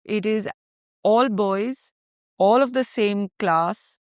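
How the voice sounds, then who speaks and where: A woman with an Indian accent hosting a casual conversation, phrasing her points with deliberate emphasis. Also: medium pitch, dry recording, clean studio sound. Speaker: podcast host.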